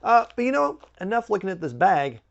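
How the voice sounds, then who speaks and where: A man's voice: high-pitched, big pitch swings, brisk, vocal fry, lo-fi sound, slight background noise. A man giving a casual, chatty snack review with wry, joking asides.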